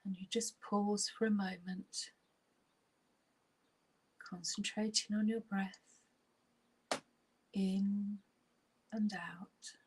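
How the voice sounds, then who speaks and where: A woman with a soft, breathy, near-whispering husky voice, leading a guided relaxation meditation in a soothing, unhurried way with long pauses. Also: mid-range voice, fairly even intonation, slight background noise, low-quality recording.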